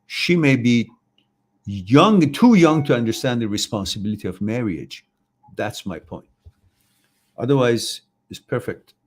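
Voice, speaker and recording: Male live-stream host, middle-pitched, rambling and opinionated. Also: lively intonation, unhurried. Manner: opinionated, rambling, acts out quoted voices. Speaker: host answering viewer questions. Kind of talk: live chat advice talk.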